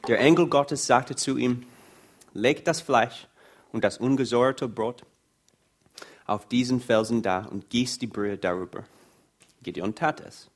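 A man delivering a sermon at a slow, unhurried pace. He reads scripture aloud with an earnest voice of middle pitch. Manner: slow, earnest preaching, reading Bible passages aloud. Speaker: preacher.

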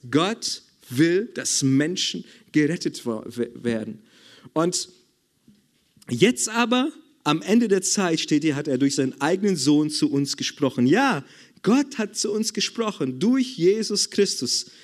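A man's voice: on the high side, sing-song, unhurried. A man preaching a sermon in a church service, emphatic and repetitive, calling for amens.

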